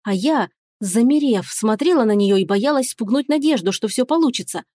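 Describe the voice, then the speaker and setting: A woman narrating a first-person fantasy audiobook in an even, steady storytelling manner. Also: on the high side, normal speed, dry recording, studio quality.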